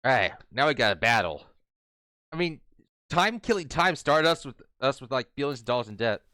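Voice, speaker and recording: A man's voice: medium pitch, big pitch swings, a little fast, pushed and bright, no room sound, clean studio sound. A man reading video game dialogue with friends in a casual group session, laughing often and hamming up the haughty lines.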